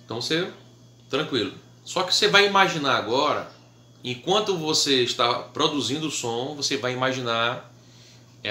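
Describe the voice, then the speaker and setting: A man's voice: medium pitch, echoey room. A man with a Brazilian Portuguese accent teaching a harmonica lesson in a patient, casual way, often checking in with his students.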